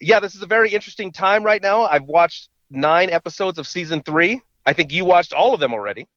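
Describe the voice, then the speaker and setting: A man's voice: high-pitched, lively intonation, a little fast, a bit bright, no room sound. A man co-hosting a podcast over a phone call, chatting casually and often repeating his first words. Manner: stammers and repeats words at starts. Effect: heard over a phone call. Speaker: podcast co-host. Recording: dull, muffled phone line.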